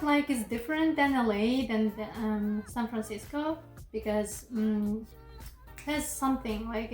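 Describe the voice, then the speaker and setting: A young woman in her 20s from Kazakhstan, whose first language is Kazakh or Russian, speaks as a guest in a casual interview. Her voice is a little high and the room is echoey. She comes across as relaxed and thoughtful, with frequent fillers and restarts.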